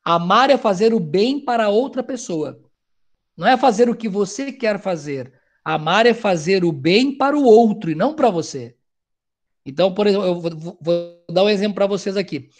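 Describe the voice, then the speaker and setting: A middle-aged man, a family counselor giving a loud, animated talk to parents. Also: sits high, normal speed. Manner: loud, animated, talks of speaking loudly.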